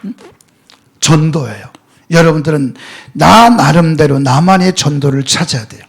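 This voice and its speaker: A man's voice: fairly high pitch, lively intonation, moderate pace, creaky, slightly rough. A male pastor preaching a sermon, emphatic and full of rhetorical questions, at times dropping to a near-whisper. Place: church sanctuary.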